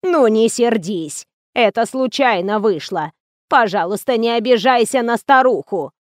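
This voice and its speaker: A cracked, wheezing old actress, half-deaf and muddled, as a woman reader puts her on. She fusses and pleads at a slowed, drawn-out pace. The recording is dry and close. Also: a little high, lively intonation, no room sound. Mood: pleading.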